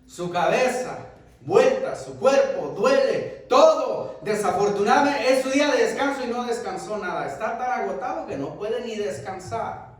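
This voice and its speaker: A man preaching as a pastor, swinging between loud, forceful peaks and hushed, intimate asides. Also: very high-pitched, animated, moderate pace. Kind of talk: sermon. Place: church sanctuary. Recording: echoey church hall, mic far off.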